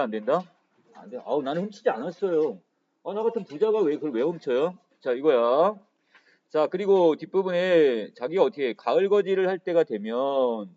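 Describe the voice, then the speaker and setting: Male literature tutor, lively and warm-toned, given to "자" fillers and self-answered questions, on a muffled recording. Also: a little high. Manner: frequent "자" fillers, asks students questions then answers them. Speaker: Korean literature teacher. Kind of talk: exam prep lecture. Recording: dull lo-fi lecture audio.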